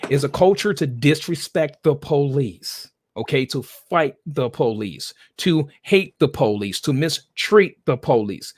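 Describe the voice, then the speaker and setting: A man's voice: fairly high pitch, lively intonation, measured pace, hardly any pauses, husky. A man appearing as a guest commentator in a heated political discussion, lecturing point by point and checking in with "okay?" again and again.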